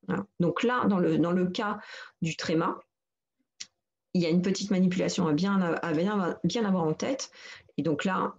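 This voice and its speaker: A woman's voice: on the low side, a little mellow. A woman teaching a computer lesson for seniors, patiently walking through each step and repeating instructions. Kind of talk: screen-recorded tutorial narration.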